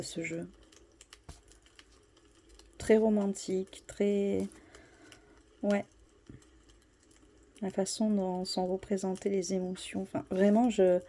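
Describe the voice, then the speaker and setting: A woman's voice: medium pitch, dark tone. A woman chatting casually about her tarot cards, hesitant, with many fillers and restarts. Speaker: tarot vlogger. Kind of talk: casual show-and-tell.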